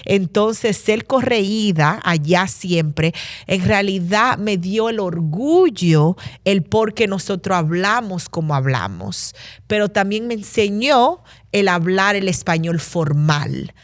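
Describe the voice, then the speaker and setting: A woman's voice: medium pitch, animated, slow pace, no room sound, studio quality. A young woman from Massachusetts giving an interview, speaking thoughtfully with many fillers and restarts. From Massachusetts, USA. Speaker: guest. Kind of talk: conversational interview.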